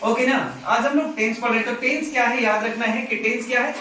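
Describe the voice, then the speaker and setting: A man's voice: very high voice, steady tone, fast talker, bright, forceful tone. A male grammar teacher, lecturing a class and quizzing students with repeated questions. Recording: very echoey classroom, distant mic, noisy.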